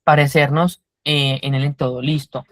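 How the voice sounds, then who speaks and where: A woman's voice: extremely low pitch, steady tone, moderate pace, fairly bright tone, no echo, clean studio sound. A woman teaching a Bible study class, putting questions to the group and explaining words step by step.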